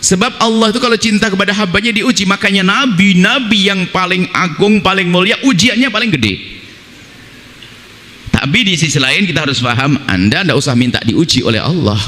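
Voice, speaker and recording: A man delivers a sermon in a lively, animated voice that sits a little high for a man. He dips low to mock other people's prayers, then jumps back up for emphasis. His bright tone rings out into the long reverb of a large hall. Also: a little fast. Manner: lively, swings between high emphatic lines and low mocking quoted prayers. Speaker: preacher.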